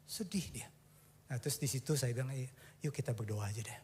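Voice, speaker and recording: A man preaching a sermon, telling personal stories and mixing English phrases into his talk, swinging between loud bursts and quiet asides. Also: mid-range voice, brisk, slight background noise. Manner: tells personal stories with acted dialogue.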